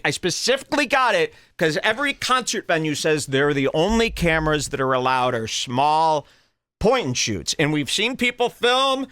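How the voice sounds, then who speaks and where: Animated man telling a story. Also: high voice, no room sound, studio quality. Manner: exaggerated, indignant, laughs mid-story. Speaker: podcast host.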